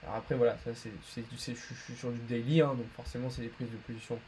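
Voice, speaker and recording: A man's voice: mid-range voice, flat delivery, fast talker, darkish tone, slight background noise, low-quality recording. A man hosting a live market analysis stream, chatty and full of fillers and restarts, answering chat questions between chart talk, with a French accent.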